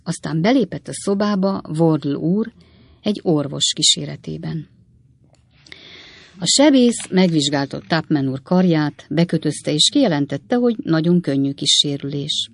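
Low gravelly woman reading a story. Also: animated, dry recording. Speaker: narrator. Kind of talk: audiobook narration.

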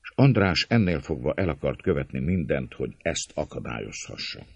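A man narrating a classic novel as an audiobook, measured and storytelling. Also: rumbling low, very animated, creaky, slightly rough, dry recording, highs cut off.

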